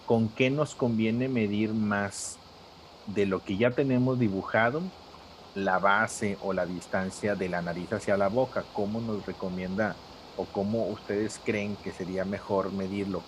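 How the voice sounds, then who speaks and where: A man's voice: fairly low pitch, slight background noise, low-quality recording. A man teaching a live drawing class, patient and step by step, calling on students by name.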